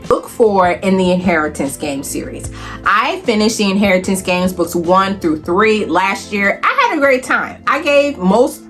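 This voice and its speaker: A playful American book reviewer runs a relaxed vlog, her mid-range voice animated and emphatic. Calling herself auntie, she speaks to viewers like family, with folksy "y'all," "honey," and "child."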